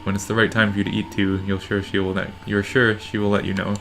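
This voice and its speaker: A narrator reading a visual novel game aloud in a deadpan way. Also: deep voice, fast talker, vocal fry, faint music behind. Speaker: narrator in a let's play.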